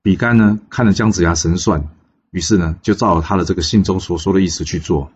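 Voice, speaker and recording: A man telling a folk legend in a lively, chatty way. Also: deep voice, fast talker, slightly rough, highs cut off. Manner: lively, chatty, with many filler particles. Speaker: storyteller. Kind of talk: oral storytelling of a folk legend.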